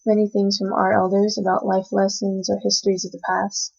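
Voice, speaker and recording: This young adult student grew up speaking Cantonese in the United States and now reads her oral presentation from notes, hesitating frequently. Her medium-pitched voice moves a little fast with little pitch variation, and it sounds husky and a little mellow, with vocal fry. The audio is dull and lo-fi.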